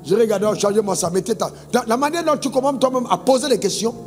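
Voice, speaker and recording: A man's voice: high voice, quick pace. A man from Côte d'Ivoire preaching a sermon as a pastor, emphatic, telling stories and calling on the congregation for amens. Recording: long reverb with faint music.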